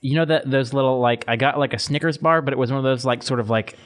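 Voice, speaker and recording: A man's voice: mid-range voice, fast. A young man hosting a college morning radio show, chatting casually and rambling with frequent restarts. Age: young adult. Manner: rambling, lots of fillers and restarts.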